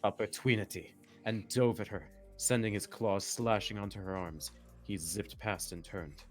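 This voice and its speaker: Faint music sits behind a low, unhurried voice reading fan fiction aloud. The reader goes for melodrama, regularly cracking up and adding joking remarks along the way.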